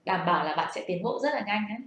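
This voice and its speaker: A woman's voice: medium pitch, animated, fast talker, a bit bright. Young woman explaining, echoey. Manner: patient, explanatory, asks the listener rhetorical questions. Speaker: self-taught English learner sharing tips. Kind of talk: casual spoken lesson. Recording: echoey room.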